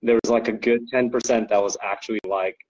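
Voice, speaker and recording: Low husky man, rambling casual talk. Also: steady tone, fairly quick, darkish tone, muffled recording. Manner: rambling, full of ums and likes, laughs often. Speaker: guest co-owner describing an ultra race. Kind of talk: casual podcast chat.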